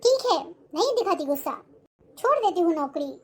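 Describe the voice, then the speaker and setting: A woman's voice: very high voice, very animated, a little fast. A woman voicing an arrogant, scornful young daughter-in-law in a cartoon-style family drama, always complaining and snapping back. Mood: defensive. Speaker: schoolteacher character.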